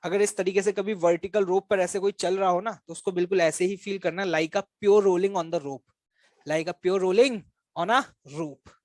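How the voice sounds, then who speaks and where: A man teaching physics in a high, lifted voice, recorded close and dry with no room sound. He keeps firing questions at his students and teases them to get answers. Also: flat delivery, a little mellow, dry recording. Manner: constantly quizzing students with rapid questions; coaxing, teasing. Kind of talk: classroom lecture.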